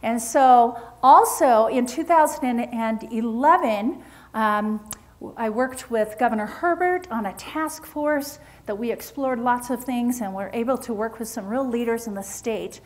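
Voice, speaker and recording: A woman presenting research at a forum, talking through slides in an animated, emphatic way with frequent restarts. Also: a little high, a little slow. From Utah.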